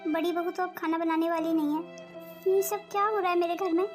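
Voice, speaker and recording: A woman's voice: extremely high pitch, steady tone, fairly quick. A woman voicing a patient older mother-in-law in a cartoon, with a soothing, pleading way of talking. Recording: faint music underneath.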